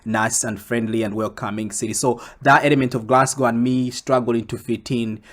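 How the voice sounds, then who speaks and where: A young man from Congo, a comic book creator, answering interview questions in a casual, animated way that jumps up when he quotes himself. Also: mid-range voice, normal speed.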